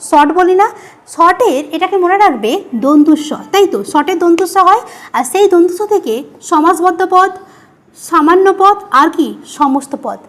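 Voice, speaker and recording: A woman with a very high, bouncing voice leads an exam-prep grammar lesson. She poses questions to her students and answers them herself, saying each key word again, slowly. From West Bengal. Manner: repeats key words, asks and answers her own questions. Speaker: teacher.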